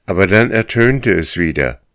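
Male audiobook narrator with a very deep, unhurried read and a dry, close sound. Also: lively intonation, fairly bright tone, no room sound. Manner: slow, measured storytelling. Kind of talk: scripted narration.

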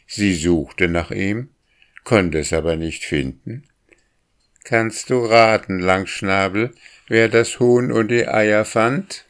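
A haughty crow chieftain speaks loudly and with scorn, his voice raised above the reader's own. A man reads him in a storybook. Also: fairly low pitch, takes it slowly, clean tone, pitched above the performer's own voice. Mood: scornful, reminiscing. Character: proud male crow chieftain.

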